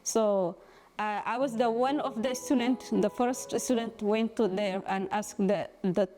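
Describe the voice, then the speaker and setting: A woman from Somalia, a former student giving a halting personal testimonial. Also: mid-range voice, dark tone. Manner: halting, simple phrasing, many fillers.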